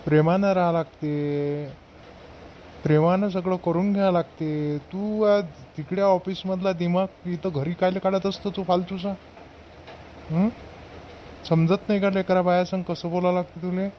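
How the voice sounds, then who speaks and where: A man with a Varhadi Marathi accent playing a kindly older father-in-law who soothes and gently lectures in a village comedy skit. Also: high-pitched, fairly even intonation, unhurried, slight background noise. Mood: lecturing.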